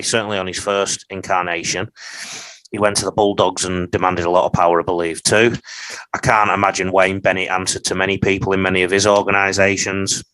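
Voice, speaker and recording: A man's voice: deep voice, fairly bright tone, no room sound, low-quality recording. A man co-hosting a podcast, giving a long, opinionated, rambling take in casual conversation. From England. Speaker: podcast co-host.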